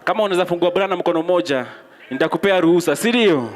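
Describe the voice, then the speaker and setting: Kenyan male stage MC, high animated voice, casual repetitive banter, loud hip hop behind. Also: racing. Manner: repeats short phrases. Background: loud hip hop music.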